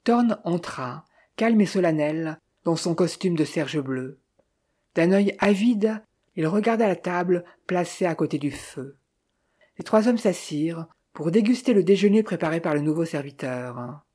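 An audiobook narrator reading a detective novel in a measured, even way. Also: mid-range voice, husky.

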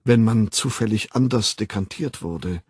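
Shy awkward guy as a narrator voices him, soft and low, husky. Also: measured pace, dry recording, studio quality. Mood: sheepish. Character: shy awkward man, confiding and embarrassed. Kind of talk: audiobook reading.

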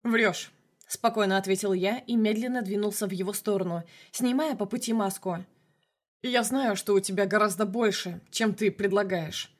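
A woman voicing a young male mage who speaks calmly and icily, slow and controlled. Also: medium pitch, close to an everyday voice. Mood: icy. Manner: calm, icy, slow. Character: young male mage hero, cold, vengeful.

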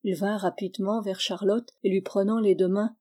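A woman reading a novel aloud, in steady, measured narration. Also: medium pitch. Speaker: audiobook reader. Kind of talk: scripted narration.

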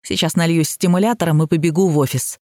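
Woman reading as a deadpan self-important guy. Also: on the low side, fast, no room sound, clean studio sound, natural voice. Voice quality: mumbling, deadpan. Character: self-important young man, literal-minded, mumbling.

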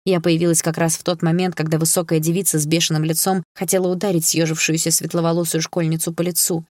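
Woman narrator, audiobook, calm steady delivery, lowish voice, dry sound. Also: quick pace, no echo. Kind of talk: first-person audiobook narration.

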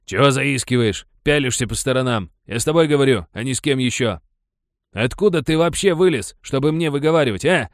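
A man voicing a furious, bullying male miner foreman who shouts coarse threats. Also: medium pitch, big pitch swings, slow, hardly any pauses, no room sound, studio quality, pitched above the performer's own voice. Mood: enraged.

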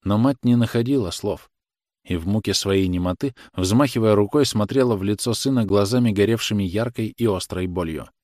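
Low-voiced man narrating a novel. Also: a little fast, a little mellow, dry recording, studio quality. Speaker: audiobook reader. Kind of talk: literary audiobook narration.

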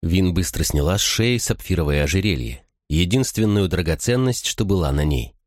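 A man narrating an audiobook in an expressive storytelling manner. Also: low voice, moderate pace, no room sound, clean studio sound. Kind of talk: scripted narration.

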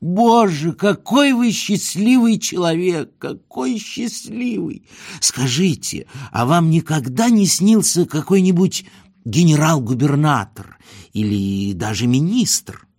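A man's voice: on the high side, expressive, a little mellow, no room sound, studio quality, pitched above the performer's own voice, full character voice. A man doing a weepy, whining old man. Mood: gushing. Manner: whining, drawn-out quavering delivery.

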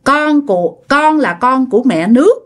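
A woman's voice: high voice, animated, normal speed, voice pushed up. A woman with a Southern Vietnamese accent voicing the spirit of a dead young man who speaks sorrowfully through a medium. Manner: sorrowful explaining.

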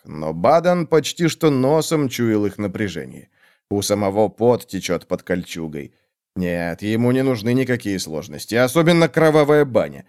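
A man narrating a fantasy audiobook with an expressive reading. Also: fairly low pitch.

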